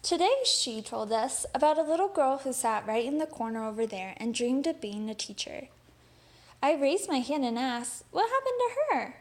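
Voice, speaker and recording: With a fairly high-pitched voice, a woman gives an expressive storytelling reading of a children's picture book.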